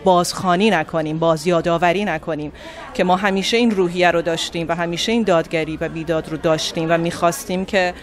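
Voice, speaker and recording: A young adult woman with an Iranian Persian accent gives earnest, deliberate interview answers into a handheld microphone. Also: fairly low pitch. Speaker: actress being interviewed. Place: indoor venue lobby. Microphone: handheld reporter microphone.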